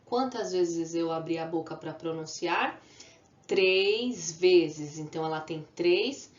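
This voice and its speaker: A woman's voice: on the low side, slow. A woman teacher, giving a video lesson to children, patiently drawing out example words and answering her own questions. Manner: asks the class questions and answers them. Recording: echoey room, slightly dull sound.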